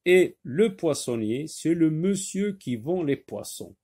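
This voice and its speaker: A man teaching a reading lesson, slowly repeating each word and breaking it into syllables. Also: on the high side, animated, dark tone, breathy edge.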